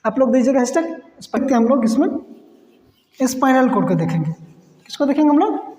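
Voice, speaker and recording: Male biology teacher, slow and mellow, repeats terms and quizzes the class, recorded in a reverberant room. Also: extremely high pitch. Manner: mixes in English phrases. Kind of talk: classroom lecture.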